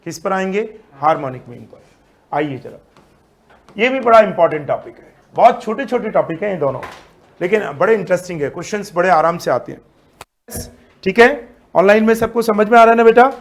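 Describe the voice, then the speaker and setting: Man, high-pitched coaching-class lecturer, mixes in English terms. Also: brisk. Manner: animated, asks and answers his own questions. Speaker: CA Foundation statistics teacher. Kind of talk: recorded online class lecture.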